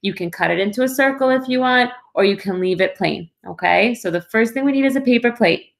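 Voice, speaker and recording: A woman's voice: on the high side, brisk, vocal fry. A woman presenting a craft to young children step by step, explaining simply and reassuringly.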